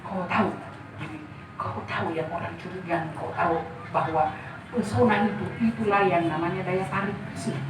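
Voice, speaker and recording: A stern but loving father, a former military sports trainer, speaks low and slow as he counsels his daughter, as a woman telling the story puts him on. The voice sits lower than her usual pitch and quieter. It comes from some distance, in a very echoey room with faint room noise. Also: steady tone, lightly acted. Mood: counseling.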